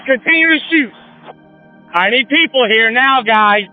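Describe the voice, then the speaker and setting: A man's voice strains high and hard as he yells short, repeated calls over a police radio. The sound is thin and tinny, squeezed into a narrow band, with faint music underneath. His officer's calls come fast and urgent. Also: lively intonation. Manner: clipped, repetitive radio calls. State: shouting urgently. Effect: police radio transmission. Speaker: police officer calling for backup.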